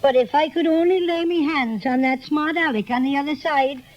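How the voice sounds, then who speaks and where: Performer as male toy bear, Irish, pint-sized and high-pitched, feisty braggart; muffled vintage radio serial. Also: moderate pace, close to an everyday voice. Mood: blustering, feisty. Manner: blustering, theatrical. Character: small feisty, boastful male toy teddy bear, comically blustering. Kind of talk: 1930s children's radio serial acting.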